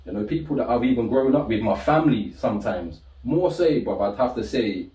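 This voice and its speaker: A young British man talks casually on a podcast, animated and full of slang, his voice leaping up when he retells stories. The tone is mellow. He sits back from the mic in a roomy space. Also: medium pitch, brisk, far from the mic. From Britain. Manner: animated, heavy slang, rises sharply when telling stories. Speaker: podcast co-host. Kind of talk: casual chat.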